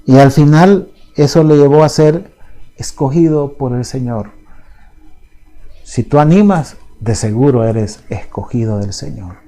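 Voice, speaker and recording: A pastor preaches in a soft, conversational tone. His voice is mellow and dark at a middle pitch. He keeps checking in with his listeners and restarts phrases as he hunts for words. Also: unhurried, poor audio. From El Salvador. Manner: soft-spoken, conversational, often asks "¿verdad?"; restarts and repeats words as he searches for them. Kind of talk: sermon.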